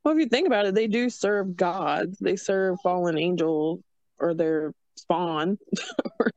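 A woman's voice: lowish voice, measured pace, dry recording, rough recording. Chatty laughing woman in Bible study. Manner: chatty, laughs often, animated retelling. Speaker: study group member. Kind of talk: casual Bible study discussion.

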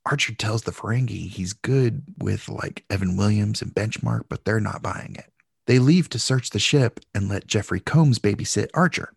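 A man with a gravelly, fry-edged voice hosts a podcast in casual, joking chat. He rattles through an episode recap in a loose way. The sound is close and dry, with no room around it. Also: on the low side, normal speed, dry recording. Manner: chatty, loose, jokey recapping. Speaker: podcast host.

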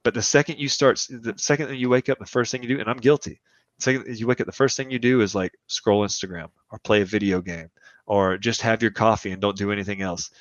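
A man in his thirties guests on a podcast, chatting casually, emphatically and ramblingly while offering strong opinions. His fairly low voice moves at a quick pace with fairly even intonation, and the lo-fi audio sounds dull and dry with no echo.

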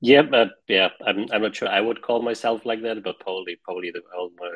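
A man's voice: on the low side, fairly quick, a bit bright, no room sound, dull audio. A middle-aged man who grew up in Germany, not a native English speaker, chatting casually as an interview guest, often repeating words as he rambles along. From born in Czech Republic, grew up in Germany. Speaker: guest, spirits brand founder.

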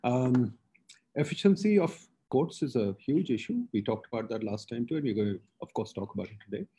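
A man's voice: mid-range voice, expressive, a little fast, dark tone, husky. A man with a Pakistani accent hosting a webinar, presenting informally with slides in short, emphatic statements. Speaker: webinar host.

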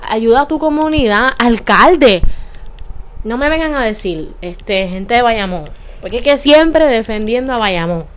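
A woman's voice: fairly high pitch, lively intonation, unhurried, a little hiss or hum. A young woman with a Puerto Rican accent, ranting profanely in a casual monologue and slipping into English words. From Puerto Rico.

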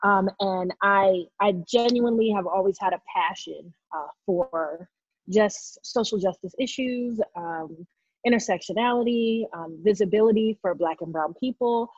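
A woman in her thirties from New York City, a guest in an interview, talking loudly and passionately about herself. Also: mid-range voice, unhurried, husky, dry recording, dull audio. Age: 30s. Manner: loud, outspoken, passionate. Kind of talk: casual interview talk.

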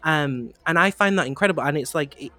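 A man's voice: fairly high pitch, quick pace, pushed and bright, no room sound. A man co-hosting a podcast, talking in an earnest, gushing way and often restarting his phrases. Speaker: podcast co-host. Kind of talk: casual fan chat.

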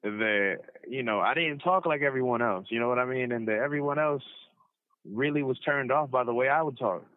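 A man's voice: mid-range voice, brisk, no echo. A young American man chatting casually in slang on a prison phone call, often repeating his phrases. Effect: prison phone line. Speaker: guest calling from prison. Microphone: telephone. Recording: tinny, band-limited prison phone line.

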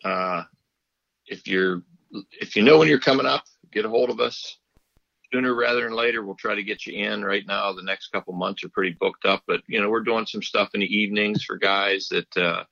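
A middle-aged man calls in on speakerphone, his low voice gravelly with fry and dulled by the phone line. He is a fishing guide who talks in an easygoing, folksy way, with a dry close sound and no room around him. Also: fairly quick, bright, forceful tone, no room sound. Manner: easygoing, folksy, laughs often. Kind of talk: casual podcast chat.

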